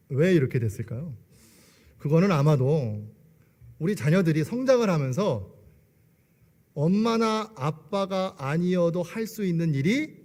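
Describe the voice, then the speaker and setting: A man's voice: fairly high pitch, warm tone. A man in his forties giving a church testimony, often asking the congregation questions. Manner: asks the congregation rhetorical questions. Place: church sanctuary. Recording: long echo of a large hall.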